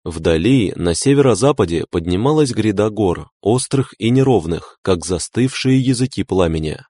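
Low-voiced male audiobook narrator. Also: animated, moderate pace, dark tone, dry recording, clean studio sound. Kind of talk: scripted narration.

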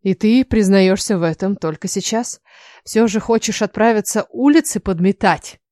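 A woman reading an audiobook voices a young male king who barks orders loudly and scolds his guards. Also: medium pitch, moderate pace, no echo, clean studio sound, close to an everyday voice. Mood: commanding. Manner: loud, barking orders. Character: young male king, commanding and hot-tempered.

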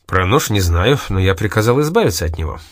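A man reading aloud and voicing a gruff, short-tempered male gangster in an irritable manner. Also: sits low, sing-song, quick pace, no echo, studio quality.

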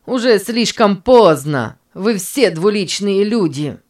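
A woman voicing a bitter, distrustful boy who speaks in a sharp, raised, resentful way. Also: medium pitch, expressive, slow, pitched above the performer's own voice.

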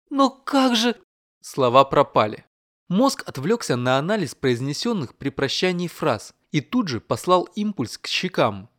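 A man narrating an audiobook in an expressive, dramatic way. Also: mid-range voice, dry recording, clean studio sound. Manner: lively, dramatic.

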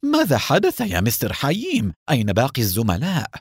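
A man voicing a nervous spy underling in a storybook reading, asking hurried, anxious questions. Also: on the low side, big pitch swings, slightly rough, dry recording, clean studio sound, full character voice.

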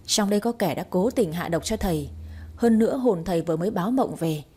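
A woman's voice: fairly low pitch, expressive, a little fast, mellow, husky. A woman voicing a bold, cunning young woman who speaks sternly and commandingly. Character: sharp-tongued young woman playing medium, bold and cunning.

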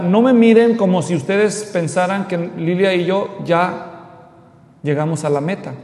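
Gravelly-voiced man preaching in an echoey hall. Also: a little mellow. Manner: storytelling, addresses the congregation directly. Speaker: pastor. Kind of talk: expository sermon. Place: church hall. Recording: echoey hall with faint rumble.

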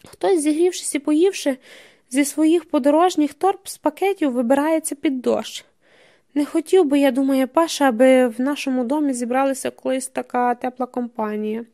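A woman narrating an audiobook in a measured, even storytelling manner. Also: high-pitched.

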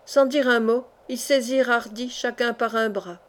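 A woman narrating a classic adventure novel in a measured, expressive audiobook reading. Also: on the high side. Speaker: audiobook reader.

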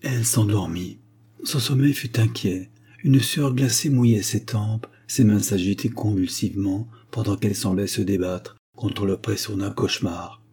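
A man reading a literary story aloud with a low, husky voice. His tone is dark and mellow, and his delivery swells with emotion as the tale turns tragic. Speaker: audiobook reader. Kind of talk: literary audiobook narration.

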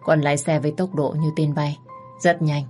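A woman tells a romance story in scripted narration, her delivery steady and even. Her voice sits low, and soft music plays faintly underneath. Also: moderate pace.

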